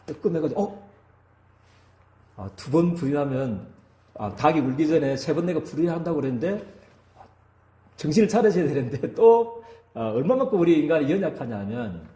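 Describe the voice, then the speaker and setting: A male pastor delivers a sermon with a warm, mellow tone, and his pitch rises and falls in lively swings. He keeps turning to the congregation to ask them to agree. The sound carries with an echo, as in a church hall.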